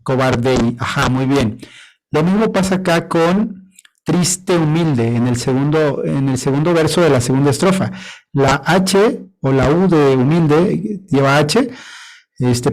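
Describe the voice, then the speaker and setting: Male teacher, poetry lesson, patient, counts syllables aloud, slightly high voice. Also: expressive, a little slow, a little mellow, poor audio.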